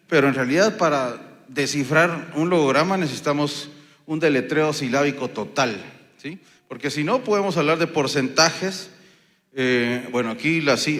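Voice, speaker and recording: Guatemalan-accented male lecturer, steady mid voice, patient explainer, hall reverb. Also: mid-range voice. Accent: Guatemalan Spanish. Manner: explanatory, frequent checking "¿sí?" and "eh" fillers. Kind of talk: university lecture on Maya epigraphy.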